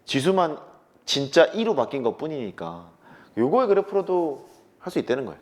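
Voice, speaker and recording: A man's voice: a little high, very animated, normal speed. A man teaching math to a class, blunt and teasing, swearing casually at his students as he works problems on the board. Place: classroom with chalkboard.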